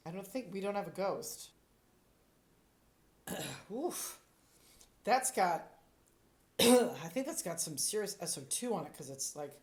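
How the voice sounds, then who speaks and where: A woman's voice: lowish voice, darkish tone. A woman sommelier giving casual tasting commentary, thinking aloud with playful, descriptive asides. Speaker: sommelier reviewing wines.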